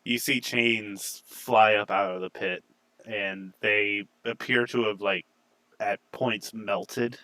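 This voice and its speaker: A man narrates a tabletop game as its game master. His voice is fairly low and forceful, recorded dry and close. He describes scenes informally, halting as he improvises. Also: fairly even intonation, no echo, rough recording.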